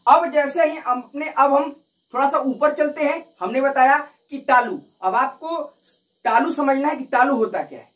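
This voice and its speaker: A woman's voice: high-pitched, normal speed, poor audio. A woman teaching an exam-prep grammar lesson, asking herself questions and answering them while showing mouth positions. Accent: Hindi. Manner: repetitive, rhetorical questions answered herself, addresses "दोस्तों".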